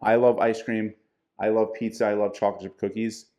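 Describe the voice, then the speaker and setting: A man's voice: lowish voice, level tone, fairly quick, warm tone. A man co-hosting a casual diet podcast, giving plain-spoken practical advice. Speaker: podcast co-host, diet coach.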